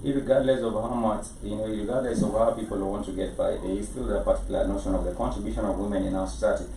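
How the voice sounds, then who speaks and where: A man's voice: fairly low pitch, fairly even intonation, fast talker, creaky, warm tone. A man with a Kenyan accent hosting a conversational entertainment interview, wordy and repeating phrases for emphasis. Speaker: talk show host. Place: studio. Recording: echoey room, distant mic, background noise.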